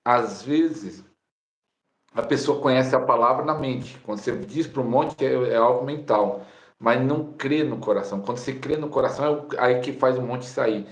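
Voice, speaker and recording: A Brazilian man who co-hosts a live stream and explains in a loose, conversational way with fillers. His mid-pitched voice carries a noticeable roomy echo. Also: moderate pace.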